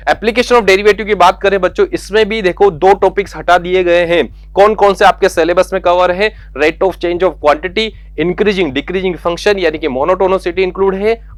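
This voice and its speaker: A male maths teacher, his voice sitting high for a man. He talks students through the syllabus in a coaxing way and repeats each point. The sound is close and dry. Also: dry recording. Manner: coaxing, repeats key points, calls students beta and yaar. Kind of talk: exam syllabus lesson.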